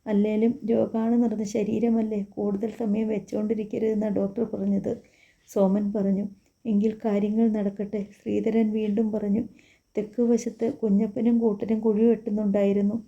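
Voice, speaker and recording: A woman narrating an audiobook story, softly voicing the characters' quoted lines. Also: mid-range voice, dull audio. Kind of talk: scripted narration with character dialogue.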